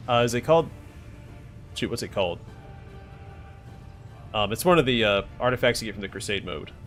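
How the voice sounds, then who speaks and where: Male game streamer, low pitch, casual chatty commentary, light music behind. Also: expressive, fairly quick, fairly bright tone. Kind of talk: casual gameplay commentary, answering chat.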